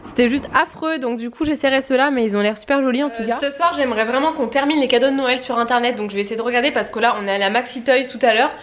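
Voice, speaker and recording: A young woman talks to her camera at home in a breezy, rambling way, full of little fillers. She speaks quickly in a slightly high voice. Her tone is casual and chatty, like a family vlog. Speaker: family vlogger. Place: at home, indoors.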